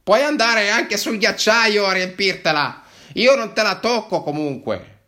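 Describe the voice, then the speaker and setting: A man's voice: animated, measured pace, exaggerated voice. A man voicing a surly, dismissive woman behind a café counter in a spoken story. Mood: scolding. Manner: sharp, scolding, high-pitched.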